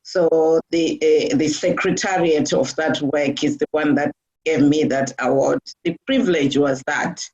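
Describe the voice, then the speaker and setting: In dull, lo-fi audio, a middle-aged woman from Zimbabwe chats as an interview guest, often restarting and using fillers. She has a low, slightly mellow voice with fairly even intonation, and she speaks at a measured pace.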